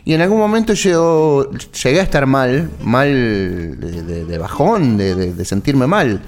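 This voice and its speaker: A man's voice: mid-range voice, big pitch swings, measured pace. Reassuring Argentine man co-hosting. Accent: Argentine Spanish. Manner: reassuring, reflective. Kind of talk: casual on-air chat.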